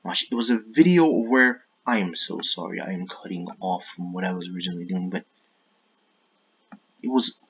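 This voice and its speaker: A man with a low, husky, fairly bright voice hosts his own YouTube gaming channel at a moderate pace. He rambles casually, often breaking off mid-thought to apologize and switch direction. The sound is lo-fi.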